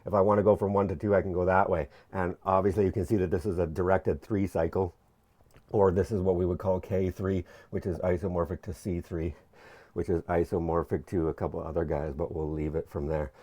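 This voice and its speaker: A young man with a lowish voice talks through his research at a whiteboard, picked up by a camera mic. He is chatty and loose, joking as he goes and often breaking off to restart a sentence. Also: flat delivery, fairly quick, dark tone. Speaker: PhD student explaining his research. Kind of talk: informal whiteboard lecture.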